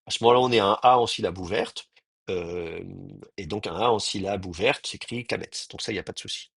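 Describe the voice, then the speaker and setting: A man lecturing to a small online class, pausing often and reworking his sentences as he thinks aloud. His voice sits low and sounds husky, recorded dry and close with no room around it. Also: fairly bright tone, no echo. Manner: hesitant, thinking aloud with many pauses and restarts. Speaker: teacher.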